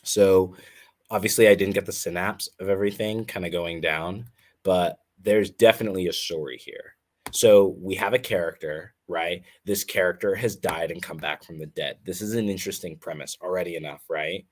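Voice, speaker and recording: Male writing coach, very low voice, chatty and informal critique. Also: normal speed. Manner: casual, chatty, frequent "like". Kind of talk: reading aloud and critiquing a reader's story.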